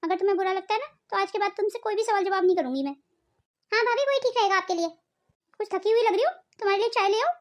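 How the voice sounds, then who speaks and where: A woman's voice: extremely high pitch, racing. A woman voicing a long-suffering young daughter-in-law in a cartoon, plaintive and pleading. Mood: gentle. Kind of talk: melodramatic cartoon voice acting.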